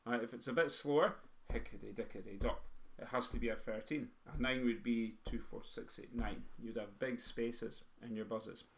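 A man's voice: medium pitch, fairly even intonation, normal speed, few pauses. A man teaching pipe band drummers to write music, counting beats aloud and singing the rhythms in drum syllables. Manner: sings drum rhythms in vocables; quizzes the students. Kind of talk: teaching a music theory lesson.

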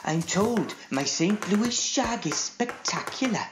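A woman's voice: mid-range voice, animated, takes it slowly, noisy background. A woman voicing a cheeky, bawdy male gardener full of innuendo. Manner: saucy, innuendo-laden.

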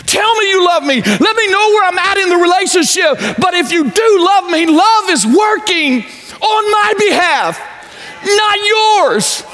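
A pastor in his forties preaching a sermon on a large church stage, pacing as he talks and swinging from loud to low. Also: sing-song, measured pace. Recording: echoey church hall.

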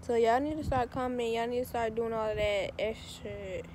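Young woman vlogger, casual slangy chat to camera, pitched a little high, outdoor phone audio with plenty of background noise. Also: steady tone, brisk, a little mellow. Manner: loose, slangy, talks straight to viewers. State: out of breath. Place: outdoor park playground.

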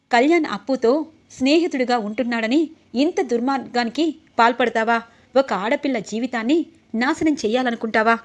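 A woman's voice: fairly high pitch, close to an everyday voice. A woman reading the part of a stern grandmother who rebukes a young woman. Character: stern grandmother, head of family.

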